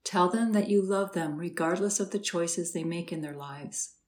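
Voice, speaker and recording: A woman leads a guided meditation in a slightly low voice. She speaks softly and slowly, with calm pauses between instructions. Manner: slow, soft, soothing instructions with pauses.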